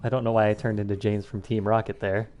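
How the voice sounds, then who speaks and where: A man's voice: lowish voice, flat delivery, fast, a little mellow, dull audio. A man giving casual, offhand commentary while playing a video game, humming along and swearing now and then. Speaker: let's play host. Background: faint game music.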